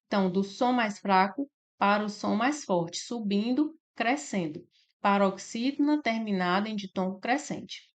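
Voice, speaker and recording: A woman with a Brazilian Portuguese accent teaches a slide-based grammar lesson for exam prep in a mid-range voice. She goes step by step, drawing out syllables slowly and checking in with "né?" and "tá?".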